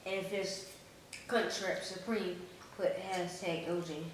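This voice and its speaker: A man's voice: sits high, fairly even intonation, measured pace. A man chatting casually in an eating video, often talking with food in his mouth. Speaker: vlogger. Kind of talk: casual mukbang chat. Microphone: camera set back from the table. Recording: echoey room, distant camera, noisy.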